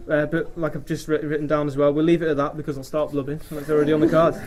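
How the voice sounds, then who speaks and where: A man's voice: a little high, flat delivery, a crowd in the background. A young man giving an informal, hesitant thank-you speech as the groom at a wedding. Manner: hesitant, halting delivery.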